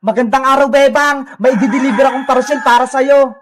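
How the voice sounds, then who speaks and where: A woman's voice: high-pitched, fairly even intonation, brisk, a little hiss or hum, natural voice. A woman voicing a kindly, patient male delivery rider in a cartoon, speaking in a reassuring, polite way. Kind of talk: cartoon voice acting.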